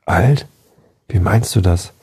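A man's voice: deep voice, takes it slowly, darkish tone, breathy edge, no room sound, studio quality, full character voice. A man voicing a boy turned suddenly ancient. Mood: bewildered. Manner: bewildered, then angry and desperate. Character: boy suddenly aged into a frail old man.

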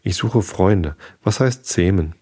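A man voicing a polite, curious young boy prince in a storybook reading, soft and questioning. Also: low voice, lively intonation, slow, husky, full character voice.

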